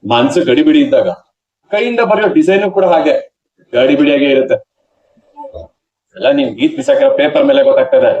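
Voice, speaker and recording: A young actor playing a blunt, teasing husband who pries and mocks in a TV serial. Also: male voice, on the high side, very animated, fairly quick, pauses often, a little mellow. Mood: prying. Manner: blunt, teasing, mock-serious. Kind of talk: TV serial acting. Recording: dull lo-fi TV audio.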